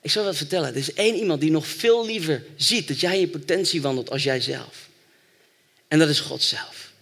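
A man's voice: on the high side, animated, a little fast, creaky, fairly bright tone, husky. A man preaching a sermon, retelling a Bible story and building to fervent exhortation.

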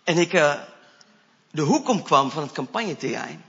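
A man with a high, bright voice preaches with eager, animated energy, slipping English phrases into his storytelling. The recording sounds dull and lo-fi. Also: normal speed, vocal fry. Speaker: evangelist preacher. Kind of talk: sermon testimony storytelling.

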